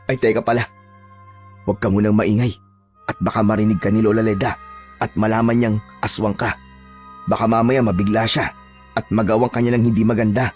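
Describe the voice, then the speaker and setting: A man's voice: lowish voice, flat delivery, normal speed, long pauses, darkish tone, soft background music. A man narrating a first-person horror story and speaking his own lines bluntly and warily, in a tough, streetwise way. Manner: blunt, tough-talking, wary, with short laughs.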